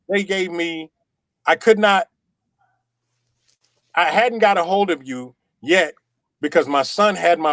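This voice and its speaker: A middle-aged man giving an animated personal testimony, repeating himself for effect and acting out the dialogue. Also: fairly high pitch, no echo, studio quality. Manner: animated, repetitive storyteller; acts out quoted dialogue. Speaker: testimonial guest. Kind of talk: personal storytelling.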